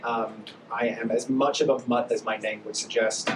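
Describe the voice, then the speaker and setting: A man moderating a panel on a conference stage, chatty and relaxed with many fillers. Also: medium pitch, normal speed. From born in Hawaii, raised in the UK. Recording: echoey hall, mic far off, audible noise.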